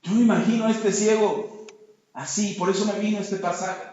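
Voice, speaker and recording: High-voiced preacher in echoey hall. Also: male voice, steady tone, moderate pace, darkish tone, lo-fi sound. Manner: dramatic, acts out the story in voices. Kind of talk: sermon at a night vigil.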